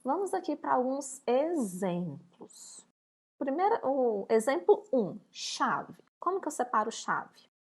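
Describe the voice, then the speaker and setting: A woman's voice: high voice, big pitch swings, measured pace, a little mellow, breathy edge. A Brazilian woman teacher giving a recorded lesson to young pupils, stretching out words syllable by syllable. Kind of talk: recorded remote school lesson.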